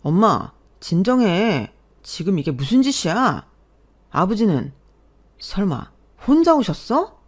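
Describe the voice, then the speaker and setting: Woman doing the husband voice, worn out and exasperated, pitch all over. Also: very animated, takes it slowly. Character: married man, weary husband caught between wife and mother. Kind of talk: Korean radio drama acting.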